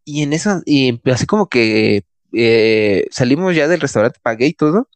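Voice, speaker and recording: A man's voice: mid-range voice, animated, moderate pace, clean tone, dry recording. A young man with a Mexican accent telling a story in casual chat, full of slang and fillers. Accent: Mexican Spanish. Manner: slangy, loose, filler-heavy.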